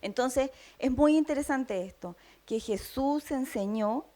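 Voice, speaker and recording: A woman with a Chilean accent preaching a sermon, teaching in a steady tone and often checking in with her listeners. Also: high-pitched, measured pace. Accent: Chilean Spanish. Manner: teaching tone, frequent tag questions.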